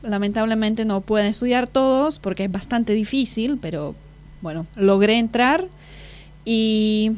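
A woman in her twenties from Slovakia speaks unhurriedly in a voice on the high side. She's an exchange student guest giving casual interview answers, and as a native Slovak speaker she's hesitant, groping for words and self-correcting.

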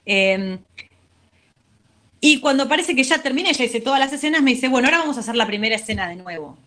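Argentine woman, kinda high voice, animated storyteller acting out quotes in a chat. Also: fast. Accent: Argentine Spanish. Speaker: guest. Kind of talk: casual storytelling interview.

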